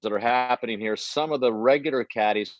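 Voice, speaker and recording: A man's voice: mid-range voice, fairly quick, no echo. A man, a golf broadcaster, talking as a guest over a video call whose audio keeps breaking up. He rambles and restarts his sentences. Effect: choppy video call audio breaking up. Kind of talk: casual phone-in interview chat. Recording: dull lo-fi video call line.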